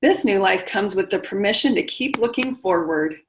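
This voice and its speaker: A woman's voice: medium pitch, moderate pace, a little hiss or hum, low-quality recording. A middle-aged woman hosting a motivational webinar, speaking directly and encouragingly to her listeners. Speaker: webinar host and widowhood coach.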